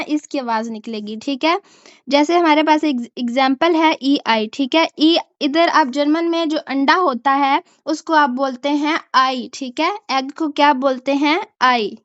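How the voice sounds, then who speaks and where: High-voiced woman teaching German sounds. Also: dry recording, lo-fi sound. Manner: patient, repeats "ठीक है?" to check understanding. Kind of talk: online language lesson.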